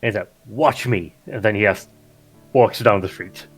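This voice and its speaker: A man's voice: lowish voice, fairly even intonation, normal speed, soft background music. A man speaking in character in a tabletop role-play game and narrating his character's actions, with many restarts and fillers.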